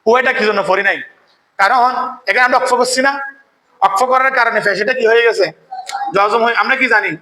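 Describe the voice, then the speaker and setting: Bright, high-voiced male recitation teacher. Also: steady tone, reverberant, low-quality recording. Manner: quizzes students, often asks "কেমন?" to check understanding; chants verses slowly when demonstrating recitation. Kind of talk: classroom tajweed lesson.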